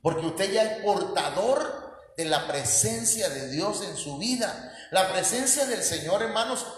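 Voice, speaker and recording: A man's voice: high voice, lively intonation, measured pace. A man with a Mexican Spanish accent preaching a sermon in a folksy, joking way and putting questions to the congregation. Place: church hall. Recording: echoey church hall with long reverb.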